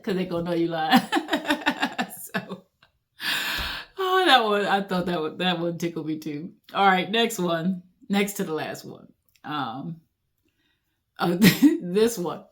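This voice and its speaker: Laughing, animated middle-aged woman. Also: on the low side. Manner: laughs often, animated, folksy Southern-style talk. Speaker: host reading funny memes. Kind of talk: casual chat.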